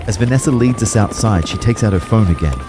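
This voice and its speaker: Talking fast in a fairly low, natural voice against a noisy background, a young man performs an audio drama. As the anxious first-person narrator of his own out-of-body ordeal, he also acts out dialogue. Tense and reflective, he shifts expressively from hushed narration to urgent pleading.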